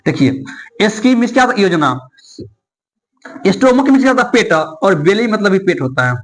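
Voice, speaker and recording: Male English teacher, high voice, drills each rule by asking and answering his own questions. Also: very animated, normal speed, fairly bright tone. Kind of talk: classroom-style explanation.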